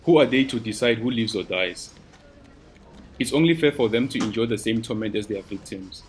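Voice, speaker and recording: A man's voice: lowish voice, expressive, normal speed, faint music behind, close to an everyday voice. A man voicing a blunt, defiant policewoman. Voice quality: sweet yet obnoxious. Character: confident, sharp-tongued young policewoman.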